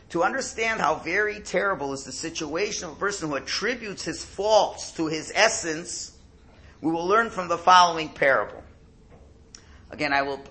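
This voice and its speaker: A man with a fairly high, forceful voice teaches as a rabbi, reading a religious text and putting it into plain words. His speech is slightly off, as with a cold sore in the mouth, and he explains by restating each phrase. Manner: explanatory, repeats phrases in translation. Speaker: rabbi giving a class. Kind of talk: religious text lesson, reading and translating aloud.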